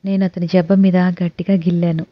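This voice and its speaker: A woman narrating an audio novel in the first person, with lively, expressive storytelling. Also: fairly low pitch, fairly quick, dry recording. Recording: dull dry recording.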